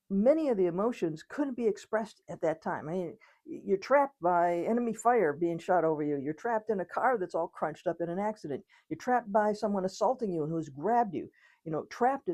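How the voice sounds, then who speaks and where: A woman's voice: medium pitch, lively intonation, normal speed, warm tone. A woman physician giving an informal, conversational educational talk on trauma. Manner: conversational, acts out quotes, occasional laughs.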